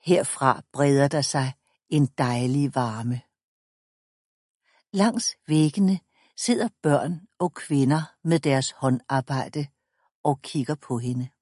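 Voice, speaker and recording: Female audiobook reader, calm measured children's storytelling, low and mellow. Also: no echo, studio quality. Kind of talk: reading a children's book aloud.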